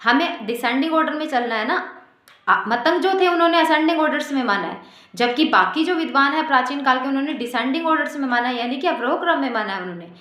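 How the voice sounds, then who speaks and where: Woman music teacher, high bright voice, echoey room, walks through it step by step. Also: expressive, quick pace. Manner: explains step by step, recites note names in sequence. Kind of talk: exam-prep music lesson.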